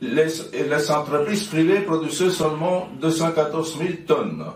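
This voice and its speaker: A man in his seventies from Chile, a native Spanish speaker, gives a political speech in French with a Chilean Spanish foreign accent, halting and searching for words. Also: a little high, a little mellow. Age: 70s. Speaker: speaker, NGO president. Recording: distant mic, roomy echo, faint noise.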